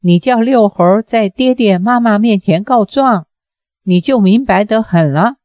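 A woman voicing a sharp-tongued young female martial artist who speaks coldly and resentfully, at a slow pace. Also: medium pitch, dry recording, clean studio sound, close to an everyday voice. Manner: cold, scolding.

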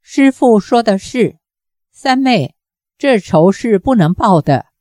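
Woman voicing an old monk, troubled, muttering, slow, dry sound. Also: a little high, expressive, warm tone, no echo. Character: old male monk, torn, once a fierce fighter.

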